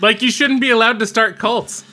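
A podcast co-host who keeps cracking sarcastic jokes. The voice is bright and sharp, with a faint hiss of noise behind it. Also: medium pitch, fairly even intonation, moderate pace. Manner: joking, sarcastic. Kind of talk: casual chat.

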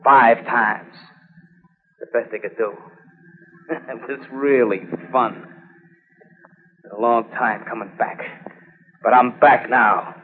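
A man's voice: mid-range voice, steady tone, slow, pauses often, a little hiss or hum, close to an everyday voice. An actor playing a bitter, scarred male war veteran who speaks in a mocking, sarcastic way, in 1940s radio acting. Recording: tinny old radio broadcast with music.

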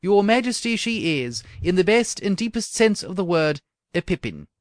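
A man's voice: high-pitched, slow pace, no room sound, clean studio sound, voice pushed up, full character voice. A man voicing an eager old male court chamberlain, putting on a stumbling Scottish accent. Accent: put-on Scottish. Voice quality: excited, stumbling over words.

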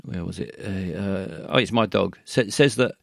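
A man hosting a call-in radio show, rambling in a halting way with many fillers and restarts. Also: low-pitched, gravelly, no room sound, clean studio sound.

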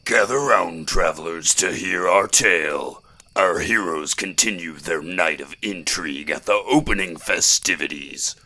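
A man delivers grand, rhythmic bardic narration in a low voice. His pacing is slow and dramatic, with a bright, forceful edge. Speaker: narrator of an episode introduction.

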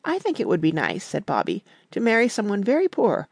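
A woman's voice: mid-range voice, wildly swooping pitch, brisk, gravelly, dry recording. A woman reading a classic children's novel aloud, giving the children's lines a light touch. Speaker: audiobook reader. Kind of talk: scripted narration.

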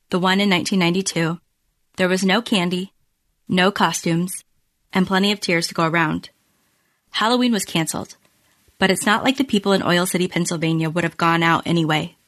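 A woman hosting a podcast, reading scripted true crime narration in measured, storytelling phrases. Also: on the low side, fairly bright tone. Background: music bed.

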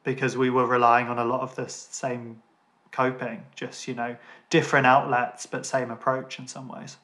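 A man's voice: medium pitch, flat delivery, moderate pace, fairly bright tone. A man hosting a podcast in a casual chat, reflective and supportive toward his guest. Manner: reflective, supportive, hands the floor over. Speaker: podcast host.

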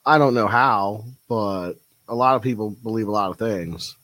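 A man's voice: lowish voice, moderate pace, fairly bright tone, no echo. A man hosting a live stream, reading out viewer comments and musing on them in a thoughtful, casual way. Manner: thoughtful, reflective, with frequent fillers. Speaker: livestream host.

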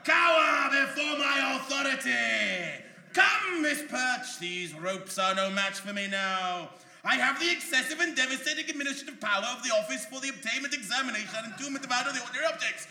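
An actor playing a grandiose, bumbling bureau administrator who fancies himself a hero, in a live comedic audio drama. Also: male voice, extremely high pitch, animated, fairly quick, sharp tone, shouting, slight background noise, full character voice. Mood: pompous. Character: pompous heroic male bureau administrator. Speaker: comedy stage performer. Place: live performance venue. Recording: echoey live venue.

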